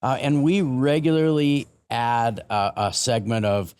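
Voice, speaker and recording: An American man speaking as a business guest in a podcast interview, explaining things with halting, repeated words. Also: mid-range voice, darkish tone, clean tone.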